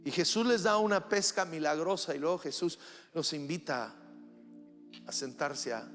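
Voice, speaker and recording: A man preaching a live church sermon, swinging from loud declarations to hushed, soft passages. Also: a little high, normal speed. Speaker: pastor. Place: church sanctuary during a service. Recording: reverberant church hall with faint music.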